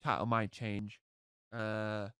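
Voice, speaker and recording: A man's voice: fairly low pitch, level tone, takes it slowly, sharp tone, smooth, dry recording, clean studio sound. A man chatting casually on a live stream, rambling and joking, breaking off his own sentences. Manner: chatty, self-interrupting, jokey.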